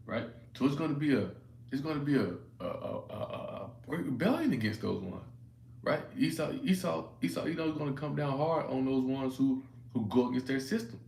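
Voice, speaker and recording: A man giving informal scripture teaching who keeps checking in with "right?" and restarts his phrases, sometimes reading verses aloud slowly. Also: mid-range voice, vocal fry, darkish tone. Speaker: religious teacher. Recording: echoey room with faint ambient noise.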